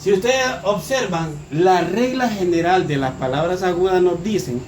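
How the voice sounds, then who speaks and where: A man teaching a recorded grammar lesson, asking questions and answering them himself, repeating key words slowly. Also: high-pitched. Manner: slow, repetitive, asks and answers his own questions. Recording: roomy, distant mic, faint noise.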